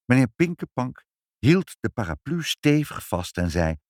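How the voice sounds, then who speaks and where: A man reading a children's story aloud in an expressive, lively way. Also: mid-range voice, measured pace, no room sound, studio quality.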